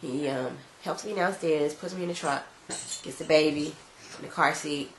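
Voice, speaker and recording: Her voice is low and her speed normal as this congested vlogger mother recounts a story from her life at home, animatedly performing the quoted exchanges. You can hear room echo and a little background noise.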